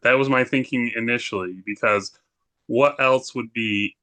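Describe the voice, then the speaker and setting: A man's voice: medium pitch, moderate pace, sharp tone. A man playing a tabletop role-playing game who explains his moves in a matter-of-fact way. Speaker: player.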